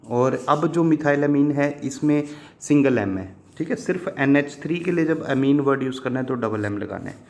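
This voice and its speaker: A man gives a patient, repetitive chemistry lesson, asking questions and answering them himself while fondly calling his students children. His medium-pitched voice is a little mellow, with lively intonation at a normal speed.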